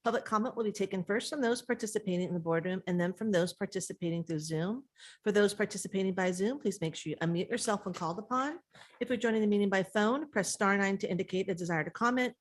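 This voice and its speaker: A woman's voice: mid-range voice, fast. A woman serving as meeting clerk, making procedural announcements in a matter-of-fact way.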